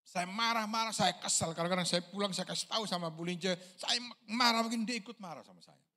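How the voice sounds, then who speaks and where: A man's voice: fast talker, sharp tone. A man from Indonesia, a pastor, preaching a sermon in a conversational storytelling way, asking the congregation questions and acting out quoted voices. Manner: storytelling, acts out quoted voices with big pitch jumps.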